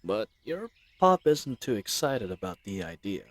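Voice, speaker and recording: In a scripted audio roleplay addressed to the listener, a man plays a friendly, roguish bandit leader, chatty and matter-of-fact, using folksy slang and teasing, mocking courtesy. His voice is on the low side, sing-song and unhurried, with no room sound.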